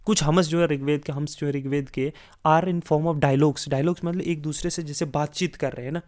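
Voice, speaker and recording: A man's voice: on the high side, fairly even intonation, brisk, a little mellow. A man explaining a history chapter casually to students, often switching between languages and repeating fillers. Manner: mixes English phrases into explanation, repeats filler "theek hai". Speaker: teacher.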